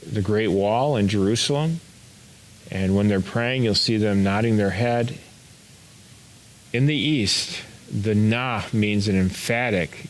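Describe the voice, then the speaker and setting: A man preaching an online sermon as pastor, explaining word meanings in slow, deliberate teaching with pauses. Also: fairly low pitch, a little hiss or hum. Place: home or church, recorded for online service.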